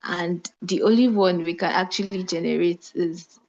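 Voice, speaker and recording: A woman's voice: lowish voice, moderate pace. Woman presenting over a screen-recorded call. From Nigeria. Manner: steady explanatory delivery with brief self-corrections. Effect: screen-recorded video call audio. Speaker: mentee group presenter. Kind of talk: online class presentation. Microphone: computer microphone on a video call. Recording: dull lo-fi video call audio.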